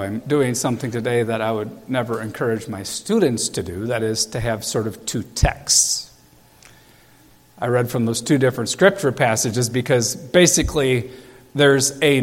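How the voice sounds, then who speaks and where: A man's voice: medium pitch, fairly bright tone. A male pastor preaching a sermon in a church, emphatic and repeating phrases for stress. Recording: long church reverb.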